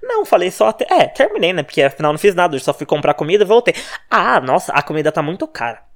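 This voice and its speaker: A young Brazilian man with a Brazilian Portuguese accent, hosting a casual solo podcast from home, talking fast and animated with profanity, his home microphone sometimes clipping. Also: high voice. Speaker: podcast host.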